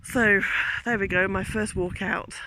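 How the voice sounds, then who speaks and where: A man with a high-sitting voice and fairly even intonation talks at an unhurried pace over a noisy background. He's a teacher out for a casual walk in the countryside, filming a vlog monologue on a handheld phone. His musings ramble and turn reflective, and now and then he loses his train of thought.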